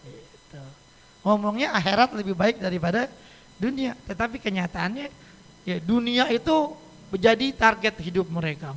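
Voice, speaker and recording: High, gravelly-voiced preacher in an echoey hall. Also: male voice. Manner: joking, chatty, laughs often. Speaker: Islamic teacher. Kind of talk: casual sermon. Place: mosque hall.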